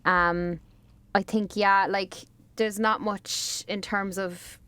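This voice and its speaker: Woman co-host, loose filler-heavy chat, mid pitch, dry close sound. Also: steady tone, slow, fairly bright tone, smooth, dry recording. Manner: chatty, lots of "like" fillers. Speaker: podcast co-host. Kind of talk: casual podcast chat.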